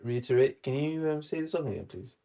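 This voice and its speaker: A man's voice: mid-range voice, fairly quick. A young man co-hosting a casual podcast chat, joking around and breaking into bits of song. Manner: animated, joking, breaks into sung snippets. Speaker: podcast co-host.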